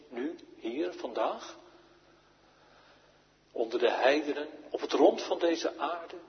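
A man preaching a sermon to his congregation, slow and solemn, with strong rises and falls in his voice. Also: mid-range voice. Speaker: pastor. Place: church. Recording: dull, echoey church recording.

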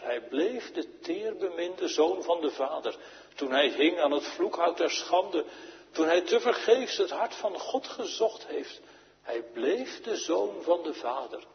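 A man preaching a sermon to his congregation, slow and solemn, with strong rises and falls in his voice. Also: a little high. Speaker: pastor. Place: church. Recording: dull, echoey church recording.

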